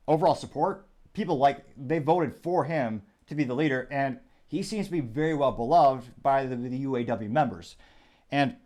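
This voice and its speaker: A man's voice: mid-range voice, a little mellow. Man, show host, casual commentary, chatty, wry, sarcastic asides.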